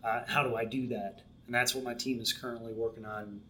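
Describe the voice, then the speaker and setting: Middle-aged man, mid pitch, steady explainer with fillers, podcast guest. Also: a little hiss or hum. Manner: measured, explanatory, many restarts and fillers. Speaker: Marine Corps program manager, guest. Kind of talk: podcast interview.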